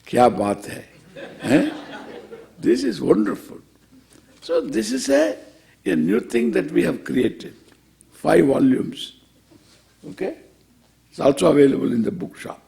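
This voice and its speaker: A man's voice: fairly high pitch, very animated, measured pace, creaky, pauses often, dark tone, a little hiss or hum. A man with an Indian English accent gives an informal spiritual discourse as a swami, playful and wry, posing questions, answering them and repeating phrases for emphasis.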